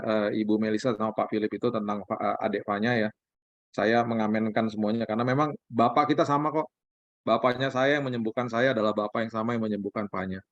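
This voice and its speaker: A man, a pastor, preaching in a relaxed, conversational way over a video call. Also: medium pitch, no room sound. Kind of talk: sermon-style sharing over video call. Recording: dull lo-fi video call audio.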